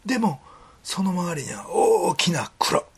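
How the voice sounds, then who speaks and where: A man's voice: sits high, expressive, a little slow, slightly rough. A male pastor with a Kansai accent, preaching a sermon in an earnest, conversational way and often dropping into a whisper. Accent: Kansai Japanese.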